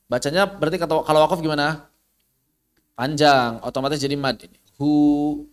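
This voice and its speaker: A man's voice: fairly high pitch, brisk, a bit bright. A man with an Indonesian accent teaching tajwid online, patiently demonstrating how letter sounds are pronounced.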